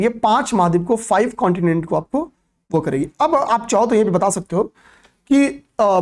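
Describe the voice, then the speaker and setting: A man's voice: sits high, darkish tone. A man teaching an exam-prep class, who keeps repeating points, asks questions and answers them himself, and often says "okay, pay attention.". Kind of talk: classroom lecture on current affairs.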